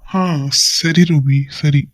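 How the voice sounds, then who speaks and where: A woman voicing an affectionate young husband in a cartoon, who coaxes and gently teases his wife. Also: sits low, steady tone, drawn-out words, dry recording. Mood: reassuring. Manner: coaxing and gently teasing. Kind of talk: amateur cartoon voice acting.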